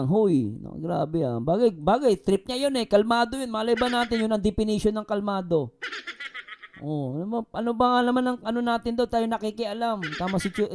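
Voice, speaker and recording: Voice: medium pitch, darkish tone, slight background noise. Mocking exasperated vlog host. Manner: mocking, exasperated, repeats oh and swears. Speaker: vlog host commenting on videos. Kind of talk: reaction commentary.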